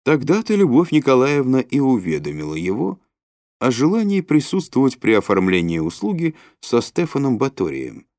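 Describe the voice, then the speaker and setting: A man narrating a literary audiobook in an expressive way, with sudden rises and drops. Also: mid-range voice, moderate pace, no echo, clean studio sound. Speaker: audiobook reader.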